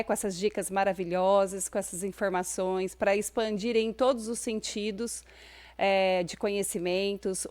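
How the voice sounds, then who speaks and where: Chatty woman podcast host. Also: medium pitch. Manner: chatty, with frequent fillers. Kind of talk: casual interview.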